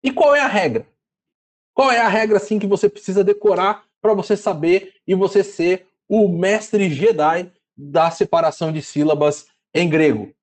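A man teaching a casual lesson, chatty and spelling out syllables slowly. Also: sits high, a little mellow. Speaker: Greek teacher.

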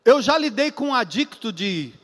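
A man preaching a sermon as a pastor, emphatic and repetitive, with long pauses and rhetorical questions. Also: very high voice, very animated, big-room sound, a little hiss or hum.

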